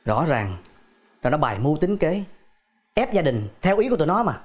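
An actor playing a worried grown son and husband, speaking in an anxious, pleading way. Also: male voice, a little high, very animated, fairly quick. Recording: loud background music score.

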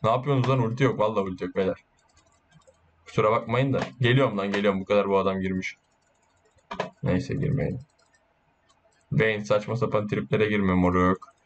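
A man giving casual, excitable gameplay commentary, boasting and swearing while urging his teammates on. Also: on the low side, a little fast, pauses often, dull audio, slight background noise. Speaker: gaming YouTuber.

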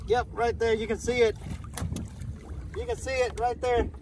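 High-voiced man narrating from a windy canoe. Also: flat delivery, normal speed. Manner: chatty, repeats himself, points things out as he works. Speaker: fishing vlogger. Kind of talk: casual play-by-play narration. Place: canoe on an open lake, outdoors. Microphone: camera mounted on the canoe, a few feet away. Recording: windy outdoor lake noise. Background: wind and lapping water.

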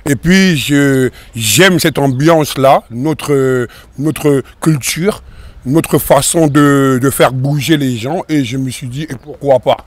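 A man in his thirties from France, a rapper, talking in a relaxed, rambling way in an outdoor interview into a handheld mic. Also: mid-range voice, slow. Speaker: rapper guest. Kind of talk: casual interview answers. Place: outdoors by a river in a park. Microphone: host's handheld mic.

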